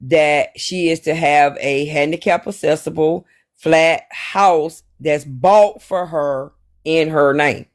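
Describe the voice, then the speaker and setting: Man in late forties, fairly high voice, emphatic storyteller. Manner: emphatic storyteller, preachy about money. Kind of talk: casual chat.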